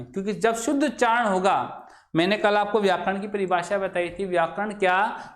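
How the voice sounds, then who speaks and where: Male grammar teacher with a high voice, lecturing his class in question-and-answer style, repeating example words slowly. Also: a bit bright. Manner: asks the class questions and answers them himself; repeats example words slowly to show how they sound.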